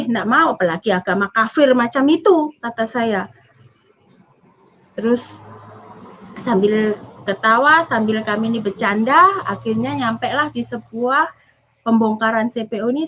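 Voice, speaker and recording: A woman from Java telling a personal testimony, animatedly acting out both sides of the conversations she recalls. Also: fairly high pitch. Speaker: testimony speaker. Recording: dull lo-fi audio.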